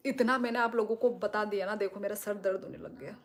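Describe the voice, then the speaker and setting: A woman's voice: medium pitch, fairly even intonation, fairly quick. Woman chatting on a live stream. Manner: talks directly to viewers, reassuring and explaining at length. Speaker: livestream host. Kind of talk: live stream chat reading comments.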